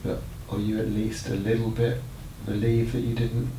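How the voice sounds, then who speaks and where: Sympathetic male child psychiatrist acted by a man for role-play; gentle, tentative, heard from afar in a noisy room. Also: fairly low pitch, monotone, normal speed, natural voice. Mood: gentle, reassuring. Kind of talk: acted clinical consultation. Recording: roomy, distant mic, noisy background.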